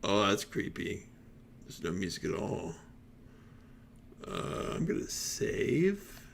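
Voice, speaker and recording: A man's voice: sits low, sing-song, takes it slowly, creaky, slight background noise. A man streaming a game, reading dialogue aloud with chatty asides.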